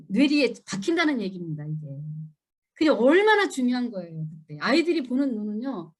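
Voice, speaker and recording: Middle-aged woman lecturer, high voice, very animated, emphatic and questioning. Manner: lively, emphatic, asks the audience questions; acts out children and parents in high voices. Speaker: seminar lecturer. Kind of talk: church seminar lecture.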